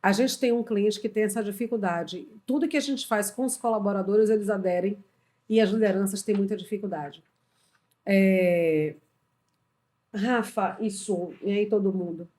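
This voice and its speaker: A woman's voice: mid-range voice, normal speed. A middle-aged woman with a Brazilian accent telling a workplace story on a podcast, acting out the dialogue. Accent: Brazilian Portuguese. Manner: animated storyteller, acts out quoted dialogue. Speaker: HR consultant, podcast guest. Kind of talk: casual storytelling in a podcast conversation.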